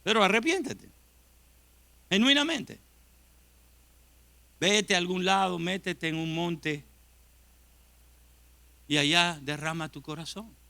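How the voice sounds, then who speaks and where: A man's voice: high voice, slow pace, creaky, long pauses, pushed and bright, no echo. A man, a pastor, preaching a sermon with impassioned emphasis and direct questions to his congregation, in a church.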